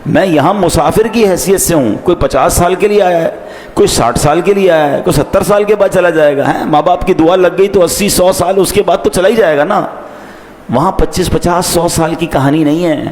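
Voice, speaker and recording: A man preaching a passionate sermon, swinging between emphatic highs and low asides, slipping English words into his speech. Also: a little mellow. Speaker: Islamic preacher. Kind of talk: impassioned Urdu sermon. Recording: long hall reverb.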